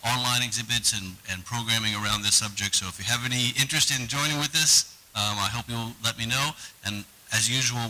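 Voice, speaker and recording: A man's voice: medium pitch, bright, forceful tone, slight background noise, poor audio. A man hosting a public board meeting at a historic site, speaking in a friendly, inviting way with a little humor.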